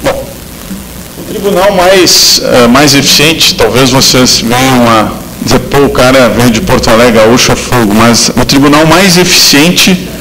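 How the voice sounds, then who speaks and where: A man's voice: mid-range voice, a little slow, pushed and bright, a little hiss or hum. Man lecturing in an echoey hall. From southern Brazil. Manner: hesitant, many fillers and restarts. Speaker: law professor giving a lecture. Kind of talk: academic lecture.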